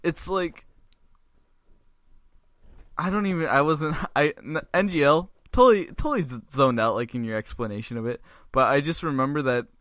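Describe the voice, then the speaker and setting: A man's voice: on the high side, normal speed, fairly bright tone, no echo, clean studio sound. A man co-hosting a casual podcast, rambling with lots of filler words and swearing. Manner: rambling with many likes, swearing. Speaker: podcast co-host.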